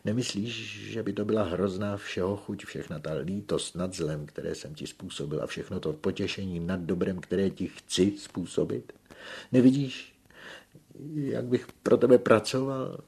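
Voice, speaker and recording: A man's voice: sits low, breathy edge. Man doing a frantic lovesick peasant, Igolén. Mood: desperate pleading. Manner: pleading, loud and tearful. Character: desperate lovesick young peasant man, ugly and pleading.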